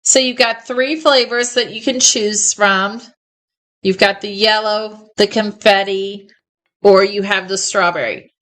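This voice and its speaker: A woman's voice: medium pitch, fairly even intonation, measured pace, a bit bright. A middle-aged woman hosting a live online ornament sale, chatting casually and enthusiastically and often laughing, close to the mic. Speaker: host of a live ornament sales show. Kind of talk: casual live sales chat. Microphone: close mic, live stream.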